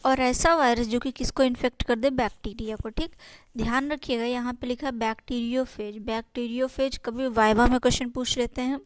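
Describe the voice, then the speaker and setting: A woman's voice: fairly high pitch, fairly even intonation, dry recording. Woman teaching biology, Hindi and English. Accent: Indian. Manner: reads English lines slowly, then explains in Hindi; asks and answers her own questions. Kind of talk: exam-prep lesson.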